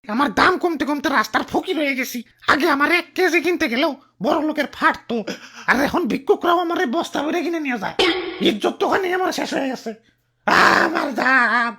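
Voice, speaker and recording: A woman voicing a hot-tempered talking cauliflower in a cartoon, wailing and ranting in a whiny, gravelly voice. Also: high-pitched, lively intonation, fast, fairly bright tone. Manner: wailing complaints that flare into rants. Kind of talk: cartoon voice acting.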